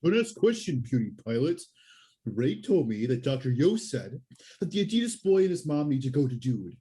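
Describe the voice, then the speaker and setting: A man's voice: medium pitch, very animated, normal speed, mellow, close to an everyday voice. A man playing a big, dim, whiny henchman with a petulant, bullying manner in a sci-fi comedy spoof.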